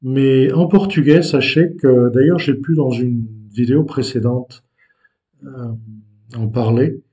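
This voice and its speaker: A man teaching vocabulary to learners, patient and explaining with hesitant pauses. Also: mid-range voice, mellow, lo-fi sound. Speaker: language teacher.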